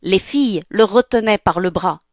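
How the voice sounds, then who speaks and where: A woman reading a fairy tale aloud, calm, clear and unhurried. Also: mid-range voice, dry recording, clean studio sound. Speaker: storyteller. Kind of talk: storybook read-aloud.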